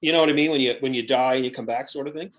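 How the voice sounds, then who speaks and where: A man's voice: medium pitch, steady tone, rapid-fire, fairly bright tone, muffled recording. A man hosting a podcast, telling stories in a chatty way with lots of fillers. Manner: chatty storyteller, many you-know fillers. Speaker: podcast host. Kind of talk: casual chat.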